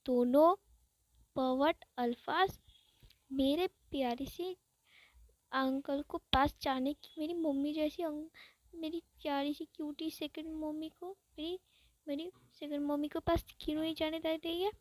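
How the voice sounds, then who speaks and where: A jealous, sulking young man who whines in a high sing-song, as a woman storyteller puts him on. He is protective and pouty, retelling a fan story. The sound is dry and close. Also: steady tone, measured pace, no room sound. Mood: jealous pouting.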